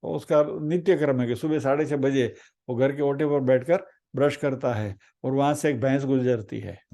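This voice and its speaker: A man giving a spiritual discourse on scripture, telling a story with lively acted-out voices, asking the listeners rhetorical questions and mixing in English phrases. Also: mid-range voice. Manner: asks the audience rhetorical questions; mixes English phrases into the talk. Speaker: spiritual teacher.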